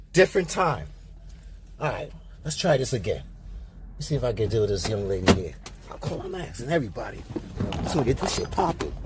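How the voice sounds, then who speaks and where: Animated streetwise man quizzing passersby. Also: a little high, background noise. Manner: animated, chatty, streetwise slang. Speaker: street interviewer and vlogger. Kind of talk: casual street vox pop. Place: outdoors on city streets and in a car.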